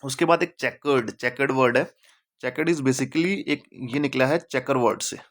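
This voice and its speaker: Male teacher, casual chatty explainer who repeats key words, mid-pitched. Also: moderate pace, a bit bright. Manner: chatty, mixes English terms into Hindi, repeats words for emphasis.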